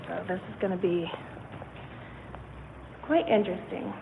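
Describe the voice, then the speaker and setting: A woman speaks slowly on a livestream from a parking lot, working things out as she goes. Her sound is thin and phone-like, with clear noise behind her. Her audio keeps cutting in and out in uneven volume. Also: fairly low pitch, fairly even intonation. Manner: unsure, thinking aloud. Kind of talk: solo livestream narration. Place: outdoors in a car parking lot. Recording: tinny phone-like stream with background noise.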